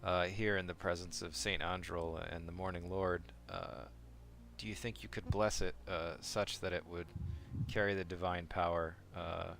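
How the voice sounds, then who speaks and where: A man speaking as a courteous female adventurer in a tabletop game, polite and measured with hesitations. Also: sits low, little pitch movement, vocal fry, a bit bright.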